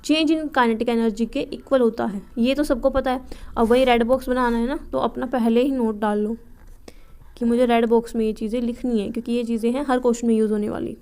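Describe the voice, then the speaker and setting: Young woman tutoring physics, clear and bright. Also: a little high, fairly even intonation. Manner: repeats checks like "ठीक है" and asks herself questions before answering; reads English question text slowly, word by word. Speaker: physics tutor for nursing entrance exams. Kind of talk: explaining exam problems step by step.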